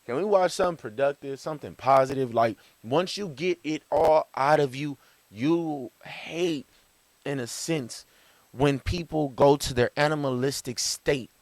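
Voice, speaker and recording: A man talking to camera in a casual motivational monologue, rambling with restarts and chuckles, swinging from loud high bursts to soft low murmurs. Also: a little slow, no room sound. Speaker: vlogger.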